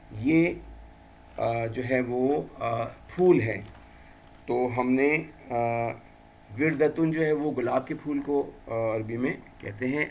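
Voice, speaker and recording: A man teaching a language lesson, drilling words slowly and deliberately with frequent fillers. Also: mid-range voice, creaky, slight background noise. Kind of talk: classroom lesson.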